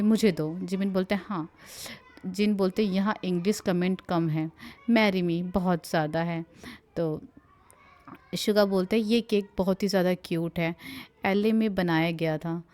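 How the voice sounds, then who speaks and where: A woman's voice: fairly low pitch, a little mellow. Giggly young woman retelling a stream. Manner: giggly, chatty, breaks into laughter while reading. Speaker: fan translator narrating a live stream. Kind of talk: casual retelling, reading quotes aloud.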